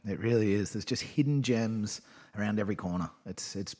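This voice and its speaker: A man's voice: lowish voice, fairly quick, darkish tone, breathy edge. An Australian man in a casual chat as a podcast guest, talking in a laid-back, blokey tradesman way with matey slang.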